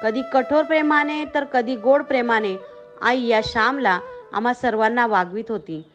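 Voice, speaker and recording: A woman narrating a story in a steady, measured reading manner. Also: fairly high pitch, highs cut off, soft background music.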